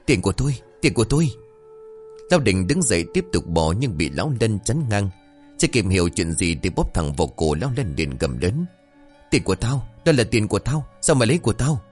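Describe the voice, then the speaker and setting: A man reading a horror story aloud as scripted narration, in a dramatic, expressive way. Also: low-pitched. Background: faint music.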